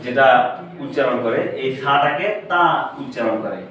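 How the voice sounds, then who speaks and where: In an Arabic classroom lesson, a man with a mid-range, slightly bright voice speaks at a moderate pace and sounds animated. He often repeats words and quizzes listeners on them, and the recording is echoey, distant from the mic, with faint noise.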